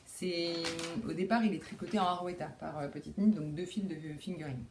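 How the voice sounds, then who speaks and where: A young woman hosts a knitting video podcast from a home room with a window, chatting casually with lots of fillers, restarts and self-deprecating asides. Her voice is fairly low and brisk, with music in the background.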